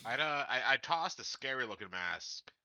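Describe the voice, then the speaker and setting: A man playing a tabletop game, chatting casually and describing his character's moves in a halting, informal way. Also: mid-range voice, lively intonation, sharp tone.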